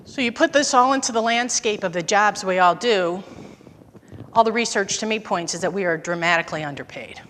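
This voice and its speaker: A woman's voice: mid-range voice, fairly quick, fairly bright tone, big-room sound, a little hiss or hum. A woman in her fifties giving a conversational conference talk, telling anecdotes from her career. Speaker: conference presenter. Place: conference auditorium.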